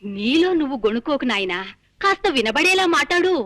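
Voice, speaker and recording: A frail elderly mother, hard of hearing and quick to complain in a high, fretful voice. She scolds and then turns sentimental, in a film comedy scene. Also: very animated, a bit bright. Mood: fussing. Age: older. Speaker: girlfriend's mother.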